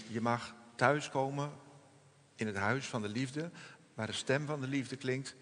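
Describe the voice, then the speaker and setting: A man preaching a sermon in a gentle, reflective manner, slowing and softening his voice on quoted words. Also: medium pitch, long reverb tail. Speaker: pastor.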